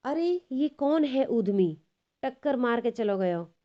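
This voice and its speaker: A woman's voice: on the low side, lively intonation, unhurried, highs cut off. A woman doing a proud young village bride. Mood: annoyed. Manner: indignant, sharp outbursts.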